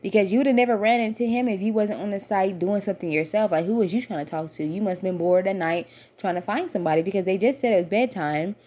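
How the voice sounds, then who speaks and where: A young woman at an ordinary middle pitch, rattling through a reality-show recap. She talks casually and animatedly, full of slang, as if filling a friend in. Her tone is chatty and informal throughout. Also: fast talker, warm tone.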